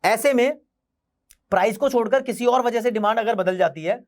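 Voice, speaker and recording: High-voiced man teaching economics. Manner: addresses students as friends, repeats key terms slowly; mixes Hindi with English terms. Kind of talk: online class lecture.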